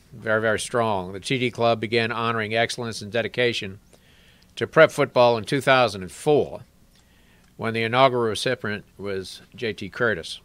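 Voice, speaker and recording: A man's voice: medium pitch, a bit bright, clean tone, no room sound. A man announcing awards at a press conference, reading formally from notes and stumbling now and then. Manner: reads from a script, stumbles over words.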